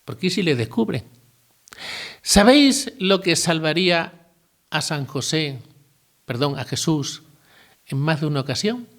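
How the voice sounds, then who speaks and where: A priest. His voice sits a little higher than most men's. He keeps it conversational, putting questions to his listeners and dropping in jokes along the way. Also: expressive, moderate pace. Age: 50s. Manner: conversational, asks listeners rhetorical questions, adds asides and jokes. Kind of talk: retreat talk.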